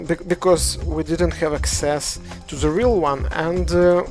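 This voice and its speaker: With a creaky, mid-range voice and a Ukrainian accent, this Ukrainian game developer shows off models on a livestream in a casual way, replying to chat in halting English broken by frequent hesitations.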